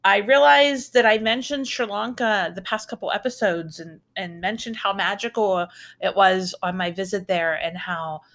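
A middle-aged American woman hosts a casual storytelling podcast, sharing travel stories in a chatty, rambling way full of restarts and asides. Her voice is medium-pitched and a bit bright, at normal speed.

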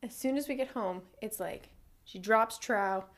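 A woman's voice: fairly high pitch, a little slow. A woman in her thirties co-hosting a podcast, telling stories in a chatty, laughing way. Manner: chatty storytelling with frequent laughs. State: pregnant. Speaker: podcast co-host. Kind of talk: casual chat.

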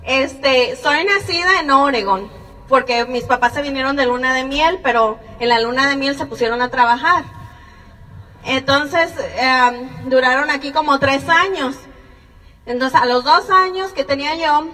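High-voiced woman speaking in an echoing hall. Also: pushed and bright. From Mexico (Jalisco and Colima). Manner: slow, earnest and encouraging, with Mexican expressions. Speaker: speaker giving a testimony. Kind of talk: personal testimony speech. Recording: far from the mic in a reverberant hall.

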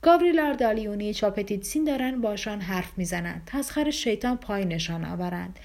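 A woman voicing an impatient young woman in an audiobook, with hurried, urgent speech. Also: mid-range voice, lively intonation, creaky, a little mellow.

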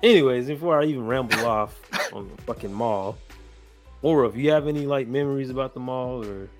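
A man's voice: medium pitch, fast, soft background music. A young man, hosting a casual podcast chat, telling rambling stories and swearing freely. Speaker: podcast host.

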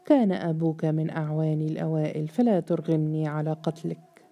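A woman voicing an older male strongman who speaks in measured, patronizing tones with veiled threats. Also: deep voice, steady tone, mellow, highs cut off. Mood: menacing.

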